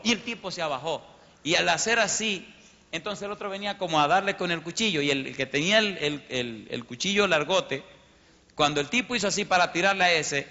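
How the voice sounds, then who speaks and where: A man preaching as a pastor, telling a dramatic story and acting out the dialogue and sound effects. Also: fairly high pitch. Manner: animated, acts out sounds and dialogue. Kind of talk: storytelling sermon. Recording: lo-fi recording in a reverberant hall.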